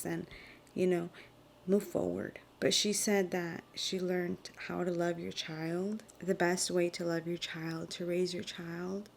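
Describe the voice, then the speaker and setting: A young woman and mother sharing earnest, heartfelt thoughts in a casual vlog, often dropping into a soft whisper. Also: fairly low pitch, gravelly, a little hiss or hum. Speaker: vlogger and mother. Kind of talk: reflective casual vlog talk.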